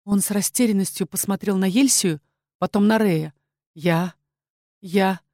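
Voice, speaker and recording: A woman narrating a fantasy audiobook with an expressive, dramatic reading. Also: mid-range voice, moderate pace, no echo, studio quality.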